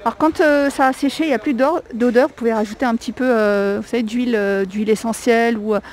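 A woman's voice: fairly high pitch, steady tone, fast talker, a little mellow, low-quality recording. A woman with a non-native accent in French, chatting casually and hesitantly as she films a walk through a discount store, listing prices with many fillers. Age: adult with a young child. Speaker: shopping vlogger. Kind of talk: casual store walkthrough vlog. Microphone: handheld camera.

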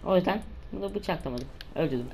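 A woman's voice: on the low side, lively intonation, quick pace, gravelly, dark tone, a little hiss or hum. A woman giving let's play commentary, exasperated and cursing at enemies. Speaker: gamer playing a survival shooter.

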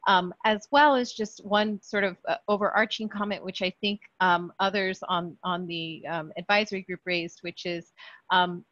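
A woman giving a measured public comment on a video call, with some fillers. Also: lowish voice, a bit bright, no room sound. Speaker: public commenter for a behavioral health association. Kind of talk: public comment at a virtual meeting. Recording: dull dry call audio.

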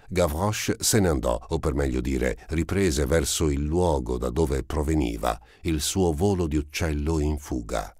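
A man narrating a classic novel for an audiobook in a steady, measured reading. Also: extremely low pitch, dry recording, clean studio sound.

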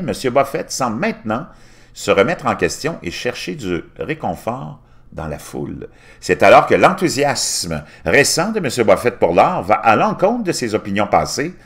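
Reading news stories off his screen, a middle-aged man running his own YouTube channel adds personal comments and frequently trips over and restarts words. His voice is mid-range with a fairly bright tone, captured by a desktop mic in a small home room.

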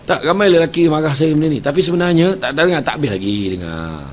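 A man with a Malaysian Malay accent preaching a humorous sermon, telling jokes in a lively storytelling manner. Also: on the high side, fast talker. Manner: joking, animated storytelling.

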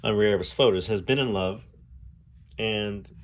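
At a normal speed and fairly low pitch, a man narrates a memoir as host, dramatizing the story expressively and dropping in casual comments along the way.

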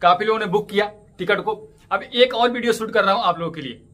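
Brisk, bright-voiced man chatting to camera. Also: high-pitched. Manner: chatty, repeats channel plugs, walks through app steps. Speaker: cricket ticket update YouTuber. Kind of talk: casual tutorial vlog. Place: indoors in front of a green screen stadium backdrop.

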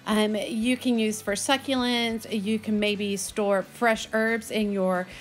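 Here the Texan gardening host, a woman in her thirties, takes her time, speaking in a steady, medium-pitched voice. She narrates her casual vlog in a folksy, chatty and enthusiastic way, with a Texan accent.

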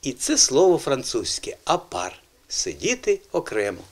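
A middle-aged man presenting a lively language segment on television, quizzing children and repeating words in a teacherly way. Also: mid-range voice, moderate pace.

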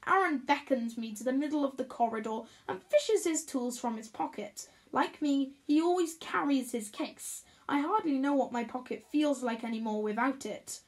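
A woman narrating a first-person story in a measured, expressive reading. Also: sits high. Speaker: audiobook reader.

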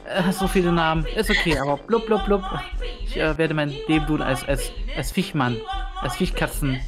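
A woman's voice: sits low, normal speed. A woman chatting playfully on a livestream in a cute anime-streamer manner, with music behind her.

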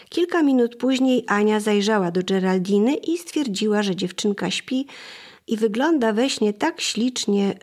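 Woman reading a novel aloud. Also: medium pitch. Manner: even, measured storytelling. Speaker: audiobook narrator. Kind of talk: scripted narration.

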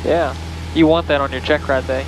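A man's voice: fairly high pitch, fairly even intonation, normal speed. A middle-aged man, a flight instructor, coaching casually over a pilot headset intercom. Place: small propeller plane cockpit in flight. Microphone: aviation headset boom mic. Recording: headset intercom with clear engine noise.

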